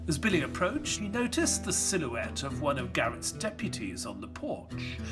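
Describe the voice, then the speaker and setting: An actor playing Doctor Watson, an earnest, inquisitive companion and storyteller in an audio play. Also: male voice, a little high, moderate pace. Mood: dramatic narration. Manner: expressive, storytelling delivery. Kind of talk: audio play acting and narration. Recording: music behind the voice.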